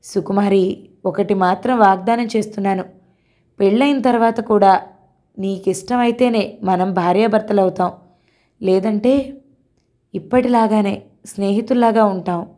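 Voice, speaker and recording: A woman's voice: medium pitch, normal speed, pauses often, lightly acted. A woman reading a tender, pleading young groom. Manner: gentle, coaxing and reassuring.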